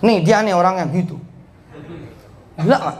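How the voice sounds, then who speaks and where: A man giving a joking, animated motivational sermon in casual slang. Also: high voice, normal speed. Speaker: preacher.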